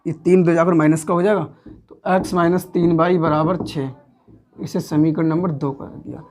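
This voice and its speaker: Teaching maths in a step-by-step classroom lesson, a Hindi-accented man asks the class questions and answers them himself, patiently going over each step again. His pitch is fairly high, his intonation fairly even, his pace moderate, and his tone a little mellow.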